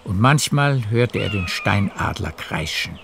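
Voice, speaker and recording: Narrating a literary radio play, this male actor takes the role of a calm storyteller, speaking in a gravelly, measured, precise way. His voice is fairly low, and the background is noisy.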